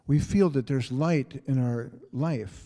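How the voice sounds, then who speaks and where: Older man lecturing in a reverberant hall. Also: medium pitch. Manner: calm, unhurried, speaks in short phrases. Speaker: visiting lecturer. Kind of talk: spiritual lecture paused for an interpreter.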